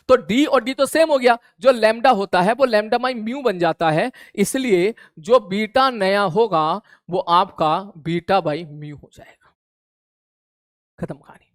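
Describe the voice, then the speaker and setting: High-voiced man teaching physics casually. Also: no room sound, studio quality. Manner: casual, chatty, addresses students informally, keeps asking "clear?". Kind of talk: live online revision lesson. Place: online class studio.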